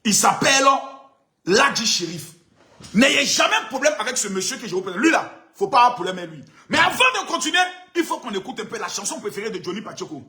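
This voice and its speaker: High, lively man taunting on a live stream. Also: fast. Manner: mocking, sing-song taunts and loud shouts.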